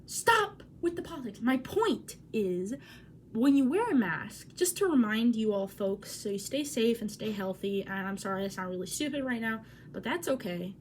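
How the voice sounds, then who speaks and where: A woman's voice: fairly high pitch, animated, moderate pace, slight background noise. A woman in her twenties vlogging at home, talking in an awkward, rambling way, cutting herself off and swearing. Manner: awkward, self-interrupting, swears. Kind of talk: casual rambling vlog. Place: at home by a window.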